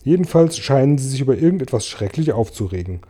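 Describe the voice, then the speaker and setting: A cocky, grinning storybook centipede who calls out with mischievous glee, as a man reads him. The voice is low in brightness, mellow and dark. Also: animated, fast, close to an everyday voice. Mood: cheeky. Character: cheeky grinning centipede, male.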